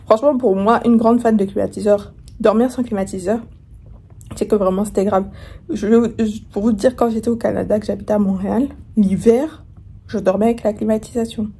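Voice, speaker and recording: Fairly quick and fairly even, her mid-range voice sounds warm yet husky as this young travel vlogger talks to camera from a hotel room. She's starting a cold and has a sore throat, and her casual chat rambles with many fillers and restarts.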